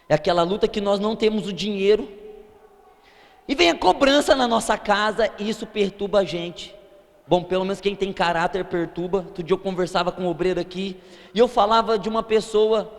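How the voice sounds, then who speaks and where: High-voiced preaching pastor, echoing church. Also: male voice. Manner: swings between loud emphatic declarations and low, quiet asides. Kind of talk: sermon. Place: church sanctuary.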